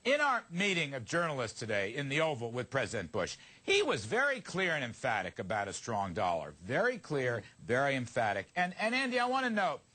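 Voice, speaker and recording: A man hosting a business news discussion, asking questions in an emphatic, lively way. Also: mid-range voice, a little fast, few pauses. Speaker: show host.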